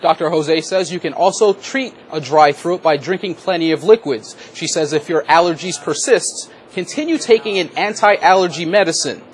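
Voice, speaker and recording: Higher-pitched American male news reporter. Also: moderate pace, hardly any pauses, breathy edge. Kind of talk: scripted news report narration.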